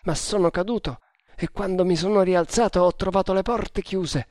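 A man reading an audiobook, voicing a frightened male strangler ally with high, urgent cries. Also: steady tone, normal speed, no echo, clean studio sound, natural voice. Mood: tense. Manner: high, shouted pleas.

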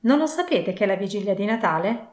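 A woman voicing a jovial, bustling old male merchant with a sonorous, booming voice, in an audiobook reading. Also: lively intonation, fast talker, darkish tone, natural voice. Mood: jolly commanding. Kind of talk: audiobook character voice. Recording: roomy echo.

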